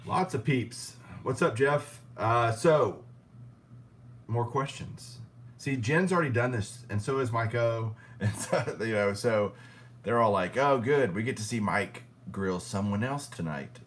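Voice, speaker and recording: A man's voice: mid-range voice, unhurried, a little hiss or hum. A man hosting a casual live stream interview, friendly, greeting viewers by name as he asks his guest questions. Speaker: host of a live stream show.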